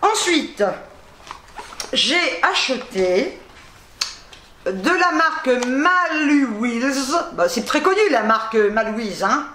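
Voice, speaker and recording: A woman hosting a casual haul vlog, rambling fast and reading product labels aloud, tripping over her words. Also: high voice, animated, pushed and bright, slight background noise. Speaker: YouTube host. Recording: echoey room.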